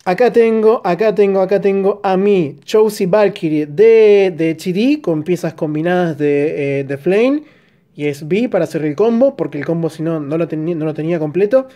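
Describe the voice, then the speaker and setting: An Argentine man with an Argentine Spanish accent, narrating a toy unboxing and review with excitable bursts of exclamation. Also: sits high, normal speed, lo-fi sound.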